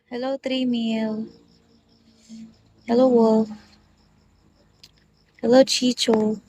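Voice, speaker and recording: A woman's voice: a little high, flat delivery, drawn-out words, a little mellow, a little hiss or hum, rough recording. A woman hosting a casual phone livestream, chatting and rattling off greetings to viewers. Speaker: livestream host.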